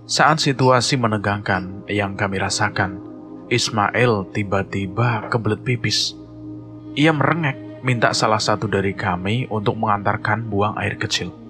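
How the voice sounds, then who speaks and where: A man with a lowish voice narrates a horror story in a measured, suspenseful, scripted way while music plays in the background.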